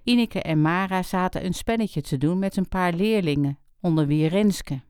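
A woman with a smooth, resonant voice, pitched a little low, reads a story aloud. Her storytelling is calm and even, and the close, dry recording holds no room sound. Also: normal speed, no echo. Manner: calm storytelling, quotes characters with light voice changes. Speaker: audiobook narrator. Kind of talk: scripted narration.

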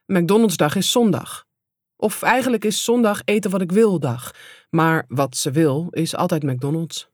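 A woman reading an audiobook aloud in a calm, measured and plain way into a close microphone. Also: fairly low pitch, no echo. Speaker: audiobook reader. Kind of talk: audiobook narration.

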